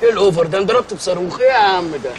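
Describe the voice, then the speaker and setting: A man's voice: high voice, rapid-fire, very noisy. A man with an Egyptian accent acting in a comedy sketch, with sarcastic, mock-tough talk. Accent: Egyptian Arabic.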